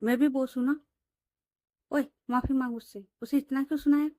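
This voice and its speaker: A woman's voice: sits high, fairly even intonation, moderate pace, dark tone, no room sound, clean studio sound, close to an everyday voice. A woman voicing a middle-aged father who scolds his daughter out of love and worry. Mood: scolding. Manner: scolding tenderly. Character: caring middle-aged father, stern but loving.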